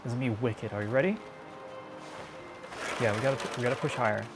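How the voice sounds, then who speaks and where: A man giving casual, excitable, slangy commentary while playing a video game. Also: medium pitch, fast. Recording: music behind the voice. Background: game music.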